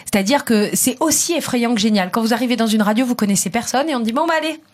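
Animated woman telling radio stories. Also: a little high, fast talker. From southern France. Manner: animated, acts out dialogue in quotes. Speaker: radio presenter guest. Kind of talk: conversational storytelling interview.

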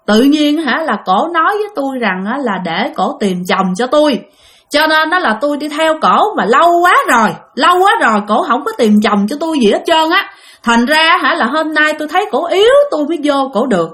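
A woman voicing the lost ghost of a dead woman searching for her husband, speaking in a halting, plaintive way. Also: high-pitched, expressive, a bit bright, voice pushed up. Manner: plaintive, halting with many "hả" fillers.

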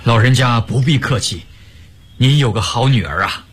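A man's voice: mid-range voice, a bit bright, husky. A man voicing a dignified imperial envoy. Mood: courteous. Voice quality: measured and dignified. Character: calm upright male imperial envoy, middle-aged. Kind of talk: Chinese storytelling radio performance.

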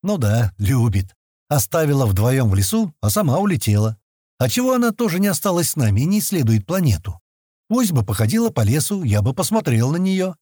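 A man voicing a wary adult hunter who talks gruffly and blurts out warnings in an audiobook. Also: a little high, very animated, a little fast, dark tone, no echo, clean studio sound, pitched above the performer's own voice. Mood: sarcastic. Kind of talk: audiobook character voice.

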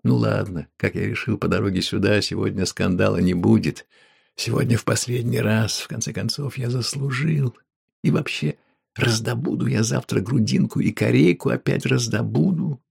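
A man's voice: fairly low pitch, moderate pace, vocal fry, darkish tone, breathy edge, heavily acted. Man reading a brooding, despairing middle-aged man. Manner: brooding, muttering to himself.

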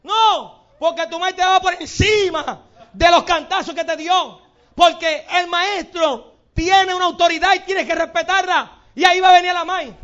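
A man with a Puerto Rican accent preaching a sermon as pastor, animated and acting out little scenes with sudden shouts. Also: very high voice, normal speed. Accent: Puerto Rican Spanish. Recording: dull lo-fi sound.

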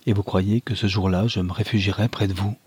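A man's voice: fairly low pitch, steady tone, a little fast, a little mellow, husky, dry recording. A man reading a proud, pleading young wife. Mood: indignant. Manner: earnest and pleading.

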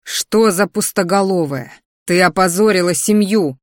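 A woman's voice: lowish voice, a little slow, no room sound, clean studio sound, close to an everyday voice. Woman doing a growling, scolding young man. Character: angry young male mage, exasperated brother.

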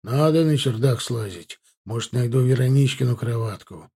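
A man's voice: medium pitch, moderate pace, vocal fry, warm tone, breathy edge. A man voicing a kindly old village grandfather who coos fondly with a slight lisp. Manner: cooing, lisping fondness.

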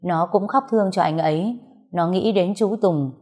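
A woman's voice: fairly low pitch, moderate pace, darkish tone. A woman reading a story aloud as scripted narration, voicing all the dialogue in her own voice.

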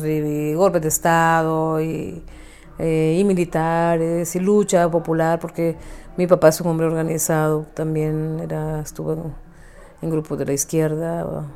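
A middle-aged woman from Honduras, an interview guest speaking thoughtfully about politics, pausing and searching for her words. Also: sits low, dark tone. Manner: thoughtful, searching, with restarts and tag questions. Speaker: interview guest, feminist activist and writer. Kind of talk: reflective conversational interview.

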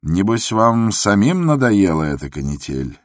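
A man's voice: lowish voice, big pitch swings, unhurried, no room sound, studio quality, voice pushed up. A man voicing a condescending, bored doctor speaking in a patronizing, consoling tone.

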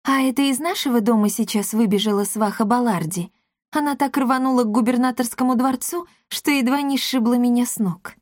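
A woman voicing a curious, stubborn young daughter with light, bright chatter. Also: a little high, brisk, dry recording, clean studio sound, voice pushed up, lightly acted.

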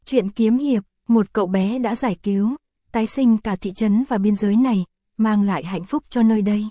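A woman narrating a fantasy novel as an audiobook, in a steady, even storytelling read. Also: mid-range voice, moderate pace, dry recording, studio quality.

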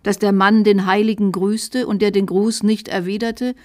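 A woman reading aloud voices a stern, zealous male priest with a sawing voice, warning gravely and insistently. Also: medium pitch, level tone, normal speed, lightly acted.

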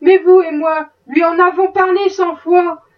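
A woman's voice: very high-pitched, fairly even intonation, measured pace. A woman reading the part of a pious, indignant plantation wife, pleading in earnest. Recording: muffled, distant mic.

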